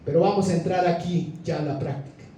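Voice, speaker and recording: A Colombian man preaches in a storytelling way, acting out the voices in the scripture. His voice sits high but sounds dark and soft. It rings through an echoey church hall, picked up from a distance. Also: a little fast, slight background noise. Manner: storytelling, acting out quoted dialogue. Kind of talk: sermon. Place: church sanctuary. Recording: echoey church hall, speaker away from mic.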